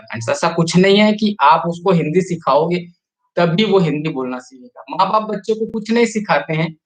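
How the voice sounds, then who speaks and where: A man from Chhattisgarh chats on a live stream in a voice sitting slightly high for a man. He talks easily and at length, reads out viewer comments one after another, and keeps asking people to like the video. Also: poor audio. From Chhattisgarh, India. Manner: chatty, reads out viewer comments and urges likes. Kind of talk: casual live-stream chat.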